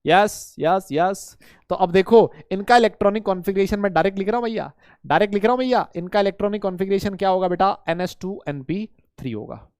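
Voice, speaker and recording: A man teaching chemistry to students in a lively lecture, asking questions and answering them himself, with playful memory tricks. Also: sits high, quick pace, smooth, no echo, studio quality. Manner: voices imagined student questions.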